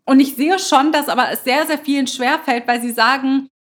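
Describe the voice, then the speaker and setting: A woman's voice: high-pitched, fairly even intonation, moderate pace. A woman hosting a motivational podcast, talking without notes in an earnest, emphatic way, often repeating her phrases. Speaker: podcast host. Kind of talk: motivational podcast monologue, unscripted.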